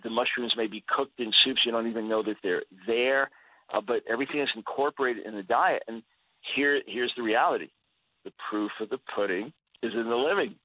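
An earnest, emphatic man in his sixties, a guest on a radio talk show, who often repeats words as he starts a thought. His voice sits at an ordinary middle pitch. It comes through a thin, phone-like line with a close, dry sound. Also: brisk, dry recording. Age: 60s. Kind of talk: radio interview.

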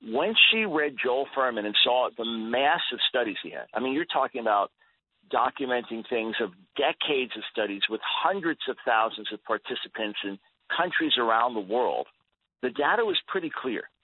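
This sixty-something man, interviewed on the radio, has a medium-pitched voice with lively intonation and a normal pace. His earnest, emphatic delivery often stutters into repeated words at the start of a thought, and the audio is tinny phone-line sound, dry.

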